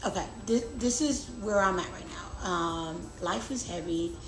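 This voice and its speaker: A young adult woman, a lifestyle vlogger, chats casually and confidingly to camera in a lowish, unhurried voice, often repeating words for emphasis. The recording has a roomy echo and clear background noise.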